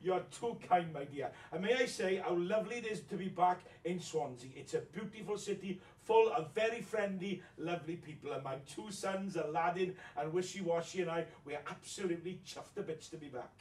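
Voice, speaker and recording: A man's voice: sits high, brisk, hardly any pauses, darkish tone, close to an everyday voice. A man playing a vain, flirtatious widowed mother as a pantomime dame, gushing, coy and gossipy, in a mock interview. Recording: echoey room, distant microphone.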